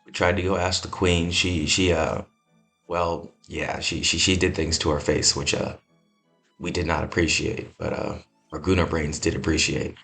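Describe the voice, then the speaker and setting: A man with a very deep, gravelly voice hosts a laid-back let's-play gameplay podcast right after waking up, sounding scratchy and drowsy with that morning voice. His tone is level and fairly bright, his speed normal, and he rambles easily with lots of fillers and restarts over soft background music.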